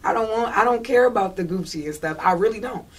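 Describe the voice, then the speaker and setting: A woman from Detroit, United States, chats casually as an interview guest in a Detroit accent. Her mid-range voice is fast with a breathy edge, and she speaks emphatically and with slang, often checking that the listener is following.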